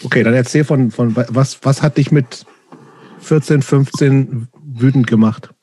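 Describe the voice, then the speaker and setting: A man hosting a casual interview, asking relaxed, steering questions. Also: medium pitch, measured pace, a little hiss or hum. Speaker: podcast host.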